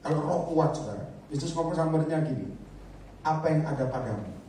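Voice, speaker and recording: A man preaching a lively sermon, joking the congregation and acting out the voices of the people in his stories. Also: a little high, quick pace, a little hiss or hum. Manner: animated, jokes and asks the crowd to raise hands; acts out voices of disciples and believers. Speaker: evangelist preacher. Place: church or prayer meeting hall. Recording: echoey hall, recorded from far off.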